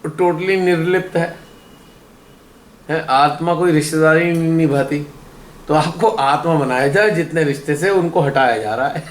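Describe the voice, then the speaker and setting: A man's voice: on the high side, normal speed. A man leading a meditation workshop, speaking to a gathering in a playful way with rhyming wordplay and laughter. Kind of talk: spiritual talk to a gathering. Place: workshop hall. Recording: roomy hall echo, faint ambience.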